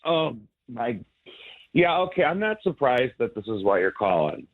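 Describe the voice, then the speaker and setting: A man's voice: mid-range voice, big pitch swings, moderate pace. A man calls in over a thin, tinny phone line, explaining himself in a loose, rambling way. He stays laid-back and laughs easily between thoughts. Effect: heard over a phone line. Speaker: caller on a radio dating segment. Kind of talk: casual chat.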